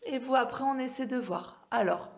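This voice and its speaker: A woman teaching a home-school reading lesson to young children, stretching out sounds slowly and checking in with them often. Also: sits high, vocal fry. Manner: slow, careful, drawn-out pronunciation of sounds; checks in with frequent questions to children. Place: classroom with a board.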